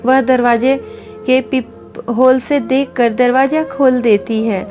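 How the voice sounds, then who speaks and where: A woman reads a story as scripted narration, gentle and even in manner. Her voice is high, and soft music plays faintly behind her. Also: slow pace.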